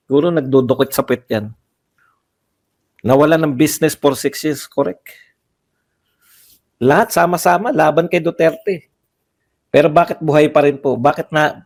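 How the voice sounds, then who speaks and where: A man giving heated livestream political commentary, firing off rhetorical questions and repeating phrases for emphasis. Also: on the high side.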